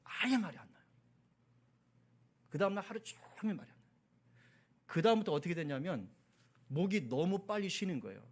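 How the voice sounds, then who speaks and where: Man, pastor, sermon, lively storytelling, acts out dialogue, high voice, wide swooping pitch. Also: fairly quick, long pauses, breathy edge. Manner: animated storytelling, acting out quoted dialogue.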